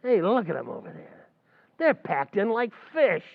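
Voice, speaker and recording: With a high-pitched, creaky, exaggerated voice whose pitch swoops wildly, a man plays a brash, scheming tavern manager at normal speed. It's an old-time radio comedy recreation, heard through tinny, phone-like audio, and the character is all wisecracks and mangled big words.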